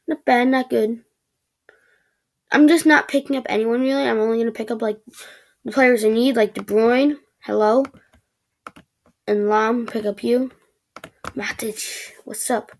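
A woman giving excitable, chatty commentary while opening packs in a video game, often stammering. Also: a little high. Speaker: gaming video creator. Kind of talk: casual gaming commentary.

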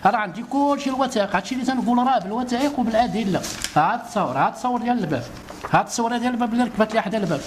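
A man's voice: very high-pitched, rapid-fire, a little hiss or hum. A man with a Moroccan Arabic accent, a citizen pleading for help in a street interview and repeating his grievances insistently.

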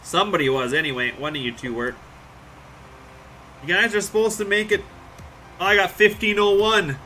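A laid-back man chatting with his stream audience while he plays, rambling and joking along. His voice sits a bit high and comes across bright and forceful. Faint music plays behind him. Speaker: farming game live streamer. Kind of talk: casual live-stream chat with viewers.

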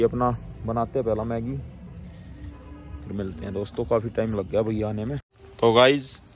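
Chatty man vlogging outdoors by car. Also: mid-range voice. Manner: chatty, keeps addressing viewers and friends as "bhai". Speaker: travel vlogger. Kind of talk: casual travel vlog chat. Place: outdoors by a parked car at night. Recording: outdoor street noise.

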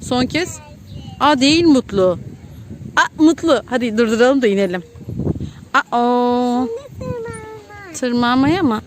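A woman's voice: a little high, expressive, slow pace, pauses often, slight background noise. A Turkish-accented woman, a mother filming her small child at an outdoor playground, coaxing him along, counting and cheering in a playful way. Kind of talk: casual chat with a toddler.

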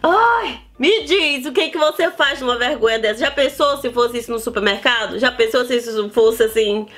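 A Brazilian woman in her thirties with a northern Brazilian accent, telling a story to camera in a relaxed vlog. Her voice sits high, and she talks in a chatty, animated way, often addressing her viewers as close friends. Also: moderate pace. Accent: Brazilian Portuguese, northern. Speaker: vlogger.

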